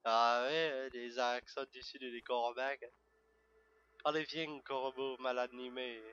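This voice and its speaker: A young man giving casual gameplay commentary, excitable and breaking into sudden loud outbursts and cursing. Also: medium pitch, measured pace, muffled recording, slight background noise. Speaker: gaming video creator.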